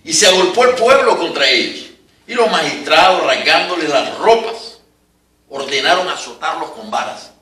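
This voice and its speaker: Older male preacher, high and lively, animated sermon, distant mic in a roomy church. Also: normal speed. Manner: animated, rising to emphatic peaks, chuckling asides.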